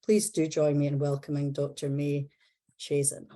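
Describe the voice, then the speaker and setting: A Scottish woman with a low, mellow voice opens an academic seminar and introduces the guest speaker. She speaks carefully, pausing now and then on fillers. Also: little pitch movement, slight background noise. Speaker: seminar host.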